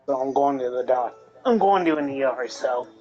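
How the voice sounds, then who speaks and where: Hurried man on muffled voice chat. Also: mid-range voice, a little mellow, faint music behind. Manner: hurried and matter-of-fact. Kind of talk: casual voice chat.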